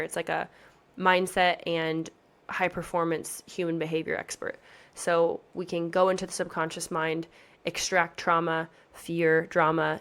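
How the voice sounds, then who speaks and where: Her voice sits on the low side and flows smoothly. She's a pageant coach in her thirties, talking informally on her podcast with lots of emphasis in a chatty, sincere, motivational tone.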